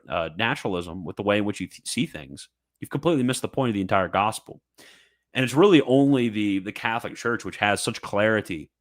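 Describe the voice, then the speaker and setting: A man's voice: fairly low pitch, fairly bright tone. A man giving fervent, emphatic commentary, reading a religious text aloud and reacting with repetition and mocking asides.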